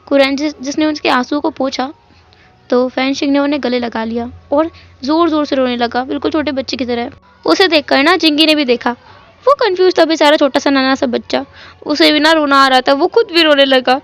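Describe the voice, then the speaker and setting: A woman's voice: high voice, fairly even intonation, a little fast, a bit bright. A woman narrating a fan fiction story in a chatty, emotional retelling style. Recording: dull lo-fi audio.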